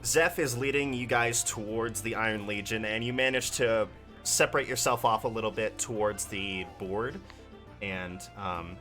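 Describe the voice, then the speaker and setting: A man narrating as game master of a tabletop game, relaxed and hesitant with many fillers. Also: lowish voice, moderate pace, faint music behind.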